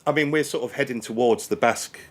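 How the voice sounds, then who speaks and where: A man from England speaking as a guest on a radio interview, talking in a relaxed, friendly way with hesitations. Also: mid-range voice, a little hiss or hum. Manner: relaxed, friendly, halting with fillers. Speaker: brewery guest.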